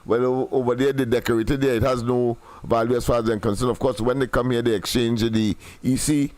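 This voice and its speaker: A man's voice: mid-range voice, steady tone, a little fast, a little mellow, no room sound. Talk show host guy, dry close sound, lots of uhs and restarts, kinda formal way of talking. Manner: hesitant, many fillers and restarts, formal wording.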